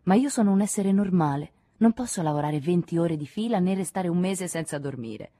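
A tired, mild-mannered male journalist, amused and polite, as a woman reads his lines. His voice is low and mellow. The recording is dry. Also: expressive, fairly quick, no echo. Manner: mild, good-humoured.

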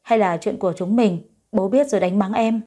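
Woman voicing a gentle, caring young boyfriend. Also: mid-range voice, brisk, natural voice. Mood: tender. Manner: soothing, calm.

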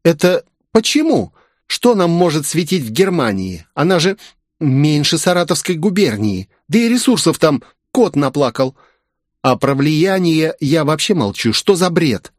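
A man's voice: fairly high pitch, big pitch swings, measured pace, no echo, studio quality, pitched above the performer's own voice. A man voicing a haughty, scheming young princess who talks sharply and mockingly. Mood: scornful.

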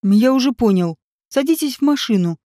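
A woman voicing a gruff, irritable man who barks curt orders. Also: a little high, expressive, moderate pace, dark tone, no room sound, studio quality, close to an everyday voice.

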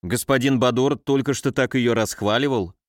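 A man's voice: mid-range voice, moderate pace, no room sound, lightly acted. A man voicing a calculating, sour clerk who makes dry remarks.

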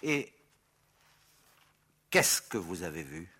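Stern police inspector in an old radio show, exasperated questioning, sharp tense voice. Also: male voice, deep voice, very animated, takes it slowly, husky, exaggerated voice. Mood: probing. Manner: probing, authoritative, exasperated. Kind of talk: French radio play acting, old radio show.

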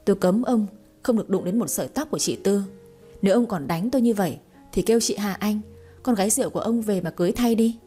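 A woman voicing a defiant younger sister in an audio story, accusing her father in a fast, fierce outpouring. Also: mid-range voice, warm tone, breathy edge, faint music behind, lightly acted. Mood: defiant fury.

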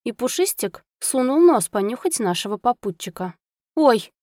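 A woman narrating a first-person fantasy audiobook in an expressive storytelling manner, close to the mic. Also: a little high, moderate pace, no room sound.

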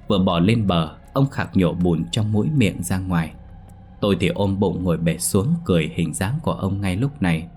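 A man narrating a ghost story in the first person, at a steady storytelling pace. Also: low-pitched, husky.

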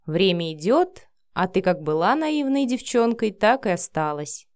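A woman's voice: mid-range voice, very animated, measured pace, darkish tone. A woman reading an audiobook, voicing a mocking, teasing grown man and father. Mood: sharp. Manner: smirking, teasing. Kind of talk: audiobook character voice.

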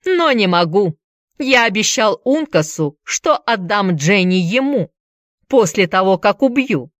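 A woman's voice: medium pitch, very animated, unhurried, no room sound, clean studio sound, pitched above the performer's own voice. A woman voicing a crazed, cruel man with a knife, hissing and mocking as he gloats. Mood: gloating calm. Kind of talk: audiobook character reading.

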